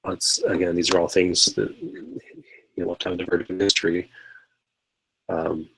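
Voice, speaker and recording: A man co-hosts a live stream in a low, gravelly voice that stays fairly flat. He rambles through his points with lots of fillers and restarts. His tone is a little husky. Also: unhurried, low-quality recording. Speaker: podcast co-host. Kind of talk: casual political discussion.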